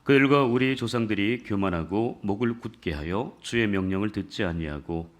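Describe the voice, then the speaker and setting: The same kind of sermon comes in a voice on the low side at a moderate pace, with a slight hiss or hum in the audio. He opens with calm scripture reading and climbs to emphatic exhortation, using jokes, congregation questions and rising emphasis.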